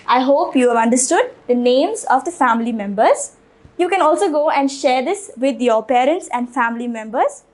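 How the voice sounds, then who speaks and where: Poor audio captures a woman teaching French in a high, bright voice. She moves at an unhurried pace, repeating each word several times with the deliberateness of a patient classroom teacher.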